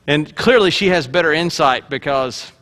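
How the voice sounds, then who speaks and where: A man's voice: on the high side, moderate pace, pushed and bright. A middle-aged man preaching a sermon, telling a self-mocking story. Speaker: pastor.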